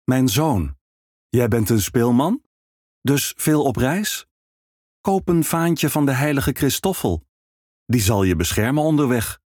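A man's voice: mid-range voice, big pitch swings, slow pace, pauses often, a little mellow, no room sound, clean studio sound, voice pushed up. A man reading a storybook, voicing a coaxing male priest who asks for alms. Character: persuasive middle-aged male priest, coaxing.

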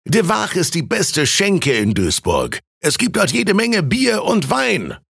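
A man's voice: high-pitched, huge pitch swings, takes it slowly, creaky, a bit bright, slightly rough, no room sound, studio quality, voice pushed up, full character voice. A man doing an eager young student. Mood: lively. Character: sober young male student, eager explainer.

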